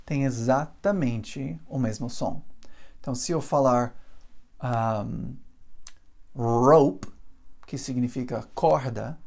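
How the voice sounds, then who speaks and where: Unhurried teacher, man. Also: medium pitch, creaky, a little mellow. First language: English. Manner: patient, repeats sounds slowly with drawn-out examples. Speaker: English teacher. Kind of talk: pronunciation lesson.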